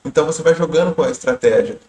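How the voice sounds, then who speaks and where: A man's voice: a little high, rapid-fire, a little mellow, roomy sound. A man with a Brazilian Portuguese accent, giving a recorded exam-prep lesson and explaining tips patiently, with some repetition.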